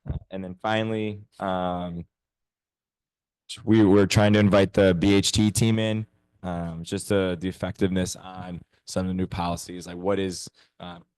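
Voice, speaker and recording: Hoarse man giving a flat meeting report. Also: low-pitched, dry recording. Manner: steady, level report with frequent pauses. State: hoarse, losing his voice. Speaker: teacher representative at a council meeting.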